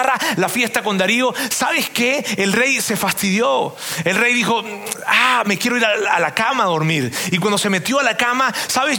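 A man's voice: high-pitched, sharp tone. A man who preaches a devotional talk, retells a Bible story and speaks straight to the listener with rhetorical questions. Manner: conversational, addresses listener directly, asks rhetorical questions.

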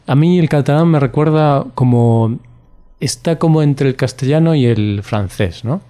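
A man's voice: mid-range voice, normal speed, dark tone. A man co-hosting a casual podcast, joking and laughing often. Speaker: podcast co-host.

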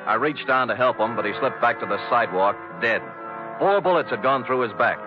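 A man's voice: mid-range voice, expressive, fairly quick, lightly acted. A man playing a wry hard-boiled detective. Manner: dry, wisecracking. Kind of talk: 1950s radio drama narration. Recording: dull old radio broadcast with music.

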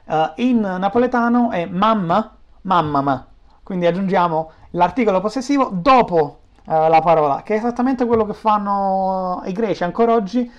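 A man's voice: high voice, normal speed, few pauses, dull audio. A man from Naples with a Neapolitan accent, explaining language in an informal interview, teaching through examples. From Naples, Italy.

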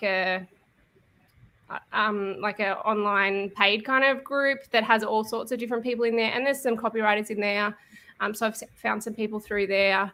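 A woman's voice: on the high side, pushed and bright. A woman, a web designer, talking casually in a panel chat, with many fillers.

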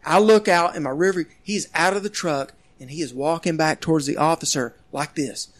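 A man hosting a podcast, telling a story in a wound-up, animated way, swearing and laughing as he goes. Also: on the high side, a little fast. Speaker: podcast host. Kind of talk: casual storytelling.

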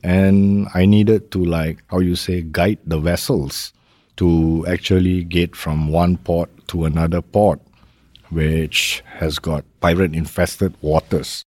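Deep-voiced Malaysian man, measured talk. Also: flat delivery, a little mellow, no echo. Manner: measured, uses fillers like "how you say" and "right?". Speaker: guest, maritime safety executive. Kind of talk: conversational interview.

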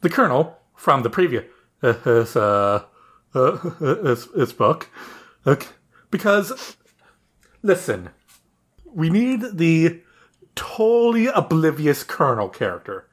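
Brief: male podcast host, animated and halting, pitching ideas to friends. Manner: animated, halting, with many fillers. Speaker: podcast host presenting his story idea. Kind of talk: casual chat.

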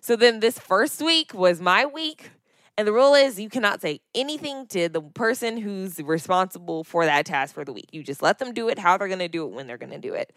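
A young adult woman co-hosting a casual podcast, telling a story in an animated, emphatic and exasperated way. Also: medium pitch, fairly quick, no room sound, clean studio sound. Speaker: podcast co-host. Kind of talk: casual chat.

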